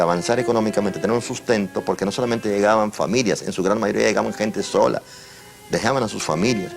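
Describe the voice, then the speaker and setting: A man in a documentary interview, explaining things with small hesitations. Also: lowish voice.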